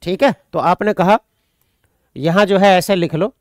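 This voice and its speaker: A man's voice: sits high, unhurried, dry recording, studio quality. A man from India, teaching an online exam-prep class. He repeats points, dictates notes and answers students' questions.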